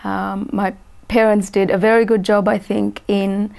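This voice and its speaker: Woman in her 40s, gravelly voice, thoughtful interview guest, lots of ums and restarts. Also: medium pitch, level tone, unhurried, darkish tone. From Sri Lanka. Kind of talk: interview conversation.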